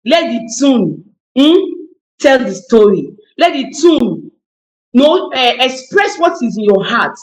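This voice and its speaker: A woman's voice: sits high, very animated, slow. Lady on a tv talk panel, keeps repeating her point, echoey room. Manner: emphatic, repeats key phrases for weight. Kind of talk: TV panel discussion.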